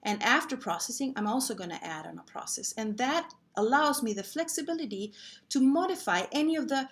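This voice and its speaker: A woman presenting an instructional walkthrough of a software model, speaking haltingly with pauses in the middle of sentences. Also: on the high side, animated. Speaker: presenter explaining a simulation model.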